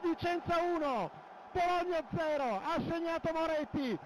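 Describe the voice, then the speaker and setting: A man giving excited, breathless football goal commentary, shouting emphatically in short repeated phrases. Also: extremely high pitch, unhurried. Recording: loud stadium crowd noise behind broadcast commentary. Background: stadium crowd ambience.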